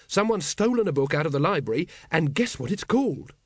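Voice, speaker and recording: A man's voice: fairly high pitch, sing-song, a little fast, no room sound, clean studio sound, voice pushed up. A man doing an eager young watchman. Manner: bright, keen, earnest.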